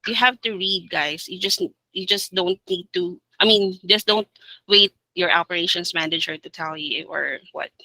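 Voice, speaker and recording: A woman's voice: lowish voice, moderate pace, sharp tone, dry recording, low-quality recording. A woman with a Filipino accent giving an informal staff training talk in a direct, insistent, instructive manner, often repeating her points. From Philippines. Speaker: trainer of call center staff.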